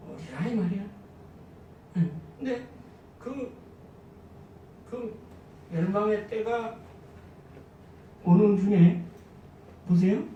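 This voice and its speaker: A woman's voice: mid-range voice, mellow, far from the mic, dull audio, a little hiss or hum. A woman pastor preaching a sermon, asking her listeners many questions and swinging her emphasis. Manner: rhetorical questions, varied emphatic delivery. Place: church sanctuary. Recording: echoey church hall from afar.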